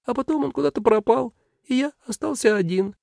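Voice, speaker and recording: A man's voice: very high-pitched, steady tone, a little fast, gravelly, darkish tone, no room sound, clean studio sound, pitched above the performer's own voice, full character voice. A man voicing a lonely, sorrowful male demon who talks in a plaintive, pleading way. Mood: mournful.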